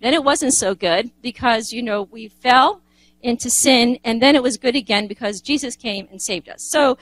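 A woman's voice: a little high, normal speed, fairly bright tone, low-quality recording. A woman giving an informal lecture, talking conversationally with many asides and restarts. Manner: conversational, frequent "you know" and restarts.

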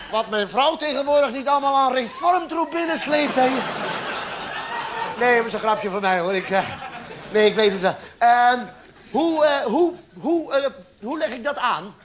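A man performing a stand-up cabaret monologue on a theatre stage, acting out characters with sudden exaggerated shouts. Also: very high voice, animated, moderate pace, a crowd in the background. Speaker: comedian. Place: theatre stage with live audience. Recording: live theatre recording, audience laughter, background noise.

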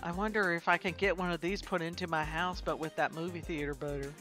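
A woman's voice: lowish voice, steady tone, fast, a bit bright, faint music behind, close to an everyday voice. A woman playing a heavyset, self-mocking woman in a role-play game, giggly and breathless as she jokes. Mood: amused.

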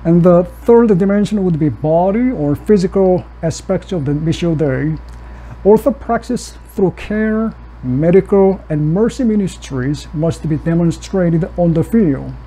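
A middle-aged man from South Korea, giving a measured academic conference talk and reading prepared text with occasional restarts. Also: sits high, expressive, warm tone, husky, rough recording. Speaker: missiologist lecturer.

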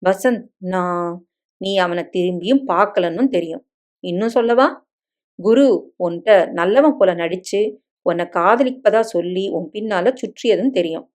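Woman voicing a gentle teasing young husband. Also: lowish voice, normal speed, lightly acted. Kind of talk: dramatic story reading.

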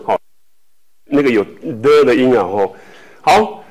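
A man from Taiwan teaching a language class, speaking slowly with many filler tags and repeating words for students to echo. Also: medium pitch, animated, darkish tone. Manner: filler-heavy speech with frequent "hou" tags.

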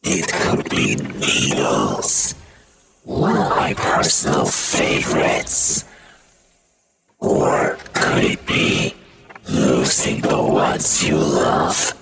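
A man doing an impression of a sinister, taunting scarecrow supervillain from a video game, with a breathy, gravelly rasp and a slow, menacing delivery. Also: a bass voice, animated, heavily acted. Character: menacing scarecrow supervillain who feeds on fear. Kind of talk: villain character monologue, video game impression. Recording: loud background noise.

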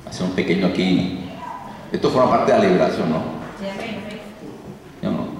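Man preaching, deliverance sermon, casual and repetitive, low voice, distant mic, big echoey hall. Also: expressive, normal speed. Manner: loose, repetitive, peppered with "ok". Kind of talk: conversational sermon.

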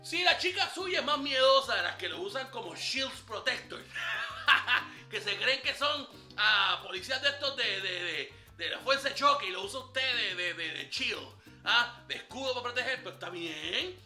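A man hams it up as a brash, flirtatious womanizer in a comedy sketch, bragging through slangy dating advice and addressing the listener as papá. His very high, pushed, bright voice is heavily acted and animated at a moderate pace, over faint music in an echoey room.

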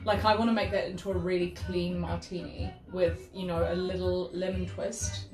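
A woman's voice: on the low side, steady tone, normal speed. A woman with a British accent hosting a casual gin tasting, enthusiastic and chatty. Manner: enthusiastic, chatty, laughs often. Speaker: host. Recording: roomy sound with music playing behind.

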